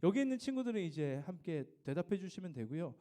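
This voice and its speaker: A man runs a church youth service from a room over a video call. His voice sits high and bounces through a wide, animated range. He teases the students by name and breaks into laughter between names. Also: fast talker. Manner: playful, laughing, teasing roll call. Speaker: youth ministry teacher. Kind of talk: leading a Zoom church service.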